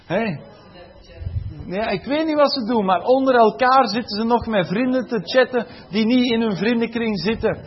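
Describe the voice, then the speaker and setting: A man's voice: very high voice, normal speed, lo-fi sound. A man, a teacher giving a conversational sermon testimony and acting out quoted pupils. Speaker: teacher and preacher.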